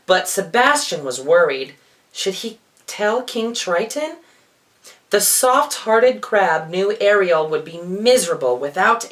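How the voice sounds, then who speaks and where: With a medium pitch and a fairly bright tone, a feminine-sounding storyteller who performs in drag reads a children's storybook dramatically. The theatrical delivery includes playful asides.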